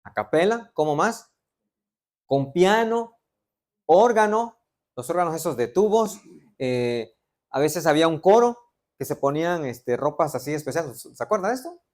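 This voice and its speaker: A man's voice: on the high side, expressive, moderate pace, darkish tone. A middle-aged man from Veracruz with a Veracruz Mexican Spanish accent, preaching a sermon and quizzing the congregation with joking asides. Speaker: pastor.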